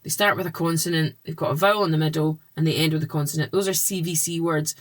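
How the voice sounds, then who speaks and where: A woman reading tutor giving patient, explanatory tips to parents in an unhurried instructional vlog. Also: low-pitched, fairly even intonation.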